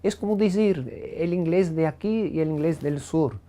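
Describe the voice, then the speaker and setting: A man from the Bronx, speaking with a Ladino-speaking New York accent, tells his life story in an interview at his home, pausing often with "eh" as he thinks. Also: on the high side, mellow. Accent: Ladino-speaking New Yorker. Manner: thoughtful, with frequent "eh" pauses.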